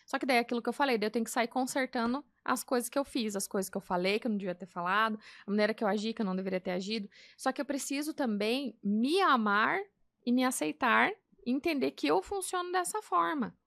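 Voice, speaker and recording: A Brazilian woman guest telling her faith story in casual chat, acting out quoted dialogue with animated delivery. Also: on the high side, quick pace, gravelly, no echo. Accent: Brazilian Portuguese. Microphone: podcast mic.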